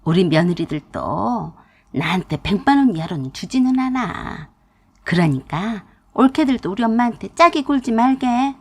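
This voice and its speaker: A woman's voice: medium pitch, very animated, moderate pace, darkish tone, slightly rough. A woman voicing a bossy, scolding middle-aged sister-in-law in a narrated family story, domineering and nagging. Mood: defensive.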